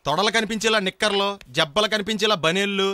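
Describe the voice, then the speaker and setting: An actor playing a cheeky, wisecracking young man in a film comedy, talking in quick comic bursts. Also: high voice, pushed and bright, no room sound. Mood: indignant. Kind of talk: Telugu film comedy acting.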